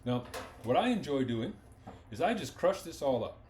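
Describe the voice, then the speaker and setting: A man's voice: mid-range voice, very animated, normal speed, a little mellow. A man giving a folksy, enthusiastic cooking demonstration in a home kitchen, talking with his mouth full as he eats.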